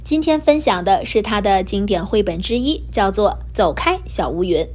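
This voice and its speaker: A woman hosting a children's learning program, reading a picture book aloud with gentle expression. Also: medium pitch, big pitch swings, moderate pace. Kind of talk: storytelling for children.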